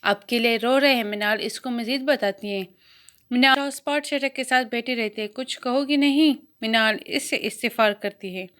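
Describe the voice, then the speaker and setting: A woman with a Pakistani Urdu accent narrates a romance novel in a somewhat high voice. She reads both the narration and the lines of the characters, now and then stumbling on a word and starting it again. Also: fairly bright tone, smooth. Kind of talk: storybook narration with voiced dialogue.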